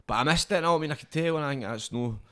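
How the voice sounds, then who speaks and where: A man's voice: fairly high pitch, very fast, bright, forceful tone. A man with a broad Scottish accent chatting casually as a guest, rambling in slang with plenty of swearing. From Scotland. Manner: rambling, slangy, frequent swearing and verbal tags. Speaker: podcast guest, social media comedy creator and wrestler.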